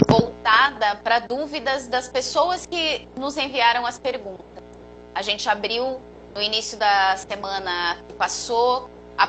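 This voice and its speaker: A woman's voice: a little high, pushed and bright, poor audio. A woman therapist hosting a live video interview, welcoming her guest and presenting the show's questions. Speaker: therapist and live-show host.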